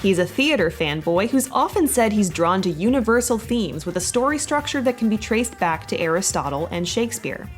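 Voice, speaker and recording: A woman giving brisk, wry scripted narration for a film video essay. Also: mid-range voice, big pitch swings, soft background music.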